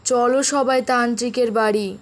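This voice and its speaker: A woman's voice: a little high, steady tone, a little fast, lightly acted. A woman voicing a resolute village man in a cartoon, speaking firmly. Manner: firm, rousing. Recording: background music.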